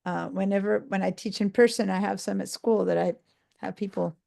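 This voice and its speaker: A sleep-deprived woman teaching a live online design software class, talking in a loose, rambling way with many fillers and restarts. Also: medium pitch, fairly even intonation, brisk, creaky.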